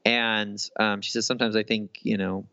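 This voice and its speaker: A man's voice: lowish voice, little pitch movement, normal speed, creaky, bright, forceful tone, smooth, no echo, lo-fi sound. A man in his thirties, a guest in a casual interview, talking in a rambling way with many restarts and fillers. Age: 30s. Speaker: guest author.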